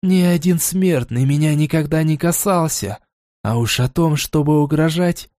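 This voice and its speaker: A man voicing a vengeful, scornful female goddess who speaks in a cold, slow, menacing way. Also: on the high side, darkish tone, no echo, clean studio sound, lightly acted.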